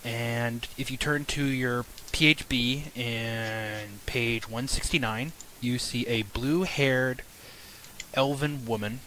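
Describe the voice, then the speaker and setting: Bright-voiced man running a tabletop game. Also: mid-range voice, steady tone, takes it slowly, slight background noise, low-quality recording. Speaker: game master. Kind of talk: casual tabletop game narration.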